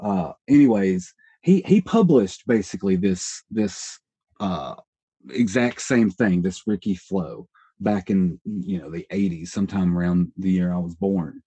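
In a casual interview, a podcast guest in his thirties, an independent researcher, thinks aloud, rambling, hedging, and correcting himself while explaining ideas. His deep, warm voice is slightly rough, with lively intonation and a somewhat slow pace. The recording is dry.

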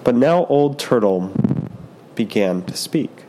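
A man slowly reading a picture book aloud in a gentle, unhurried way. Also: medium pitch, expressive, slight background noise, low-quality recording. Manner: gentle, unhurried, soft delivery. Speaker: storyteller.

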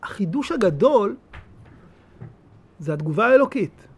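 A man, a rabbi, giving a weekly Torah talk, animated, rising to pleading cries and dropping to soft asides. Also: sits high, husky.

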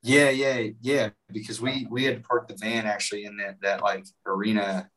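A young musician from West Virginia, speaking with a West Virginian accent, rambles through a casual interview full of likes and you-knows. His voice is fairly low and bright, delivered flatly at normal speed, and the low-quality recording comes from a distant mic.

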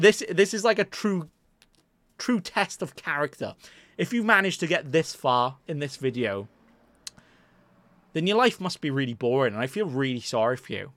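A man's voice: on the high side, a bit bright, no room sound. Rambling self-mocking young man. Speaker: podcast host. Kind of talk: casual rambling chat. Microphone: desk mic in front of a green screen.

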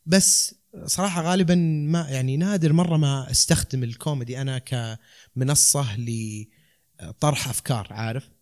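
A man's voice: medium pitch, moderate pace, darkish tone. A man with a Saudi accent explaining things casually and conversationally, rambling and dropping in English terms. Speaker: stand-up comedian, guest.

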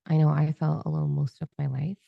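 A woman hosting a casual podcast chat, talking in an enthusiastic, nurturing way with quick asides. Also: deep voice, level tone, creaky, no echo, narrow, tinny audio. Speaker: podcast host and coach.

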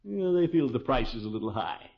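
A man acting a fretful, pompous, soft-hearted middle-aged uncle in a 1950s radio sitcom, blustering and hemming with theatrical sighs. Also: medium pitch, very animated, fast, vocal fry. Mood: worried. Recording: dull, noisy old radio recording.

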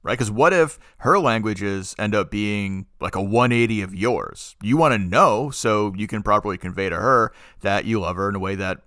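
A man's voice: fairly low pitch, moderate pace, few pauses, fairly bright tone, no room sound, clean studio sound. A man hosting a podcast in casual chat, joking and teasing his co-host.

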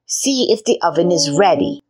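A woman's voice: on the low side, expressive, moderate pace, darkish tone, breathy edge, soft background music. A woman voicing a sly, greedy old witch who eats children, sweetly coaxing one moment and screaming the next.

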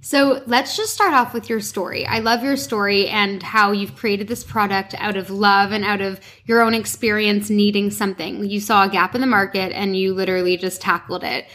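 A woman hosts a casual podcast interview. She puts her questions in an upbeat, encouraging way. Her voice sits at an ordinary middle pitch. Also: steady tone, moderate pace, few pauses, fairly bright tone. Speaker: podcast host.

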